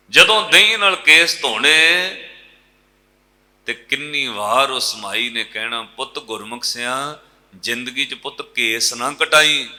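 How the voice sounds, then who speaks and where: Bright-voiced Punjabi Sikh preacher. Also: male voice, mid-range voice. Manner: dramatic storytelling, voices of characters with rising emotional outbursts. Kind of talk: sermon storytelling.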